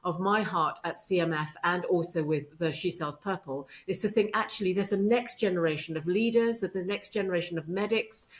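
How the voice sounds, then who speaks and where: Here a middle-aged medical leader, a guest on a podcast, speaks fairly quickly in a lowish voice with hardly any pauses. She sounds earnest and warm, talking about faith and affirming often in this conversational interview.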